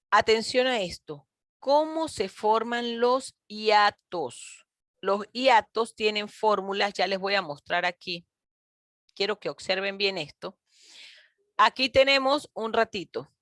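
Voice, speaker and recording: A patient woman teacher walks her young pupils through a grammar lesson over a video call, often pausing to check they follow. Her voice sits at an ordinary middle pitch. The sound is dry and close, with no room around it. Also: a bit bright, no echo. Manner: patient, calls pupils "mis niños" and "chicos", often checks with "¿ok?". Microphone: computer mic on a video call.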